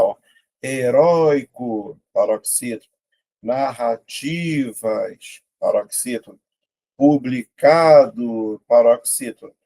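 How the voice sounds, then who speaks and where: A man with a slightly husky, breathy voice gives a casual online lesson. He talks in a chatty, colloquial way and works through each example step by step out loud, as if thinking with the viewer. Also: mid-range voice. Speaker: Portuguese teacher.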